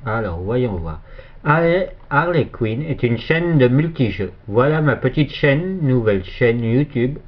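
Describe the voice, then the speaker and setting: A man giving a casual, hesitant shoutout for another channel while filming his computer screen, with many fillers and restarts. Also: medium pitch, expressive, measured pace. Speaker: youtuber. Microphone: phone filming a monitor. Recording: dull lo-fi phone recording.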